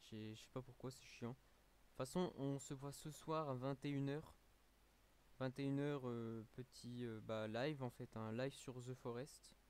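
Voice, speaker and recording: A man's voice: medium pitch, steady tone, a little slow, darkish tone, clean tone. A man with a French accent, a streamer chatting casually on a live stream, rambling with many fillers, a little tired.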